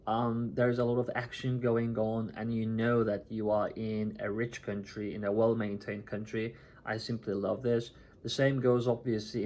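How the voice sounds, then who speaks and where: A chatty man from Turkey, past thirty, talking straight to his viewers in a casual vlog. His voice sits at an ordinary middle pitch, and he keeps tossing in "right?" and "you know" as he goes. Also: a little mellow. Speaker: vlogger. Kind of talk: casual talk to camera.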